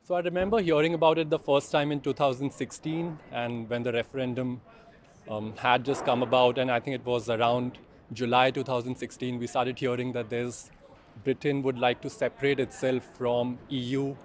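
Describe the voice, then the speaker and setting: A man in his thirties giving a steady account in a street interview. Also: mid-range voice, normal speed. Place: outdoors on a city street.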